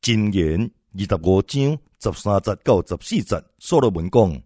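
A man preaching a sermon, exhorting his listeners and swinging between loud and soft phrases. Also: lowish voice, expressive, a little slow, no echo, clean studio sound.

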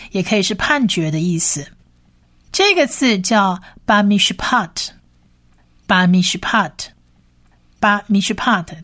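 A woman teaching Hebrew letters, patiently repeating each sound several times. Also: medium pitch. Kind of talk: slow spoken lesson.

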